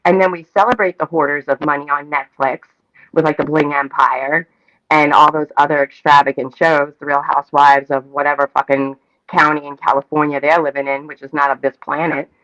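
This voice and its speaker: This Staten Island, New York woman co-hosts a talk show, and her casual chat is opinionated, emphatic, repetitive and sprinkled with profanity. She speaks briskly in a low, steady, fairly bright voice, recorded without echo on dull audio.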